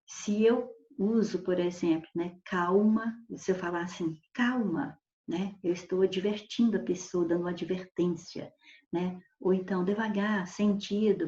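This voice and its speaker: Patient woman teacher, mellow voice, echoey. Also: medium pitch. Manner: patient, explains through spoken examples, checks in with "certo?" and "né". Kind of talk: recorded grammar lesson. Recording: echoey room, dull lo-fi sound.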